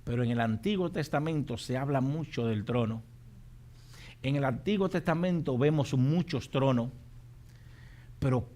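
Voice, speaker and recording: A man preaching a sermon as pastor, moving from quiet, measured teaching to shouted, repeated exhortations to the congregation. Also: mid-range voice. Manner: repeats phrases for emphasis, calls out to the congregation.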